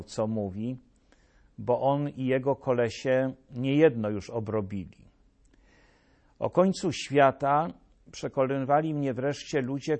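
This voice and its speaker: A man's voice: medium pitch, darkish tone. A man delivering a scripted satirical commentary with a sarcastic, mock-solemn manner, addressing his listeners directly. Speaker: political commentator.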